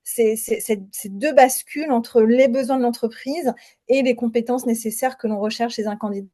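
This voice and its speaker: A woman with a fairly high, mellow voice speaks as a recruiter in a webinar chat. She halts often, restarting phrases and pausing to hesitate. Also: fairly even intonation. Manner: halting, many hesitations and restarts. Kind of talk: online webinar conversation.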